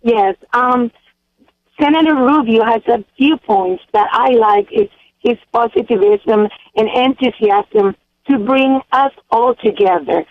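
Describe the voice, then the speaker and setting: A woman's voice: fairly high pitch, unhurried, no echo. Earnest Salvadoran woman caller on a phone line. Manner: hesitant, many ums, earnest. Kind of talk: phoning in to a radio show.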